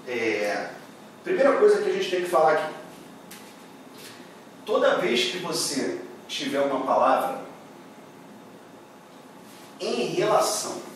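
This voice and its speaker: A man's voice: medium pitch, a little hiss or hum. A Brazilian man teaching a Portuguese grammar lesson for exam prep, patiently checking in with his students as he explains. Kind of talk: classroom lecture explaining grammar. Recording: echoey room, voice from a distance.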